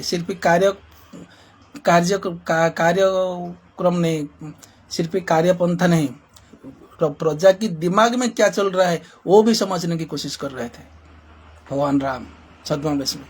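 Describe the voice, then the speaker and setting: A man speaks as a social reformer, driving his points home with repetition and rhetorical questions. His voice is husky and sits a little high for a man. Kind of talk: impassioned spoken commentary.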